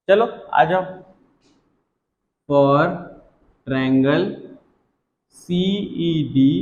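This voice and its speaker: A man's voice: on the high side, darkish tone. A young man teaching a math lesson, chatty and reassuring, teasing his students as he works sums aloud. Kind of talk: casual whiteboard math lesson. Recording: echoey room, dull lo-fi sound.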